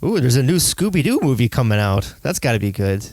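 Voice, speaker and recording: A man's voice: medium pitch, very animated, fairly quick, a little mellow, no room sound. A man with a nasal voice, hosting a podcast in casual, chatty talk. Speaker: podcast host.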